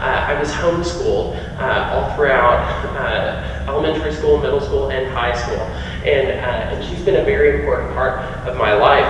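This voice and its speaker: Earnest young man, echoey hall. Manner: earnest, halting with many fillers. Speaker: student presenter. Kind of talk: speech at an honors forum. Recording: echoey hall audio from far off, faint rumble.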